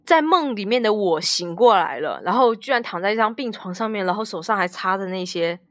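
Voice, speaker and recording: Young woman, teasing casual banter, mid-pitched voice, dry close sound. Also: expressive, brisk, fairly bright tone, dry recording. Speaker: podcast co-host. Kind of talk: casual chat.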